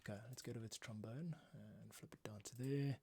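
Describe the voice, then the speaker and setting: A composer hosting a livestream from a small home closet studio talks casually, explaining and thinking aloud as he works in a relaxed tutorial. His voice is fairly low, gravelly and darkish, with a steady tone and a slightly fast pace. Music cues play in the background, with slight background noise.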